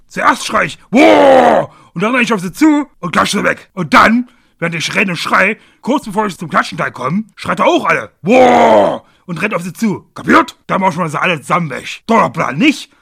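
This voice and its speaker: A man voicing a boisterous, brutish male ork warrior with a Saxon accent, shouting out a gleeful battle plan. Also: high voice, animated, normal speed, gravelly, slightly rough, pitched above the performer's own voice, full character voice.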